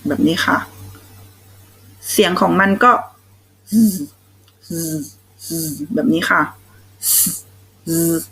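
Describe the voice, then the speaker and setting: A woman's voice: fairly low pitch, moderate pace, gravelly, long pauses, bright, forceful tone, husky, rough recording. A young Thai woman teaching children English phonics, sounding out letters one at a time and praising them. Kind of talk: slow, patient phonics lesson for kids.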